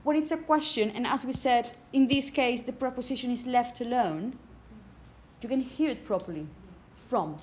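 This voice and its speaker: A woman's voice: on the high side, normal speed, a little mellow. Woman teaching pronunciation in a classroom. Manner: patient, correcting pronunciation, checks with "okay?".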